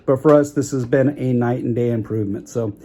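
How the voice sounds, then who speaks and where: A man talks through a camera review in a loose, conversational way, often correcting his own wording mid-sentence. His voice sits at an ordinary pitch for a man. It is recorded on a phone's built-in microphone. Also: fairly even intonation, fairly quick, dark tone. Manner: chatty, self-correcting, plain-spoken. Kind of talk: casual review talk. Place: outdoors at a busy roadside eatery. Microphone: built-in phone mic. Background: traffic and chatter.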